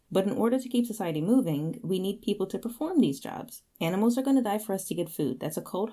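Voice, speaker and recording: A woman with a low, mellow voice delivers sarcastic, mocking commentary as she reacts to video clips. Her tone is dry and pointed as she argues her case.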